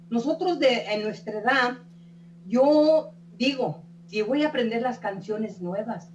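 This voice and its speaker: An older woman singer, telling stories in a chatty, folksy way full of "¿eh?" tags. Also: on the high side. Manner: chatty, folksy, frequent "¿eh?" tags and repeated words. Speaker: singer being interviewed. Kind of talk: warm, rambling storytelling interview. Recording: echoey room, voice from a distance, faint hum.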